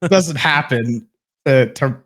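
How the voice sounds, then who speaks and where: Male podcast guest, easygoing, mid pitch, hesitant fillers. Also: takes it slowly, a bit bright. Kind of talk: casual book discussion.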